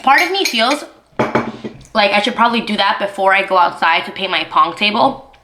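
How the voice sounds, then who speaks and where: Eating breakfast at home, a woman in her twenties chats for her vlog at normal speed in a mid-range voice, leaning on "like" and now and then talking through a mouthful. The room echoes and the background is noisy.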